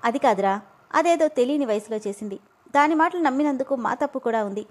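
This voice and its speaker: A middle-aged mother, upset and firm with her son, as a woman reading a story voices her. Her fairly high voice pleads with him and then turns sharp. It plays as a spoken family story. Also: lively intonation, a little fast. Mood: pleading.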